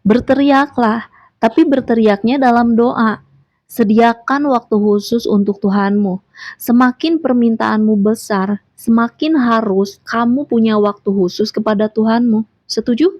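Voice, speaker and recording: A woman's voice: fairly high pitch, a little slow, darkish tone, dry recording, muffled recording. A woman, giving a motivational monologue and coaching the listener with direct questions. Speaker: motivational speaker.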